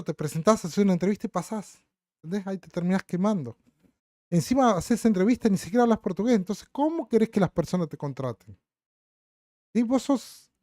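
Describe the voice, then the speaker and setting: A man's voice: high voice, dark tone, no room sound, clean studio sound. A man with an Argentine accent from La Plata, hosting a casual livestream and bluntly answering viewer questions, dropping in Portuguese words. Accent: Argentine Spanish, La Plata.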